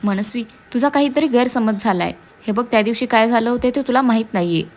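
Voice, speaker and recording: A woman playing a broken young guy, begging, trembling voice, kinda high. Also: brisk, a little mellow, lightly acted. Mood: pleading. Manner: pleading, shaken. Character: young man, betrayed and desperate.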